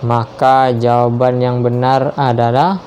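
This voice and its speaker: A man slowly reading multiple-choice quiz questions aloud and confirming each answer. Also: medium pitch, little pitch movement, darkish tone, a little hiss or hum. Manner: measured, spells out each option, confirms answers with "ya".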